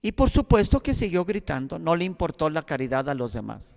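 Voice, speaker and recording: Sacerdote mexicano dando clase bíblica, voz algo aguda y rasposa, tono exhortativo, sala con eco largo. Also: male voice, a little high, sing-song, fairly quick, in a large hall. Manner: earnest, exhortative, anecdotal. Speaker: priest teaching a Bible course. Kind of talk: Bible class lecture.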